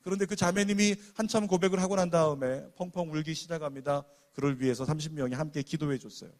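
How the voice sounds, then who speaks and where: Earnest male pastor, fairly high voice. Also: steady tone, fast talker. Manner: earnest, often addresses the congregation directly; tells a story at length, shifting between hushed and raised passages. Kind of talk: sermon.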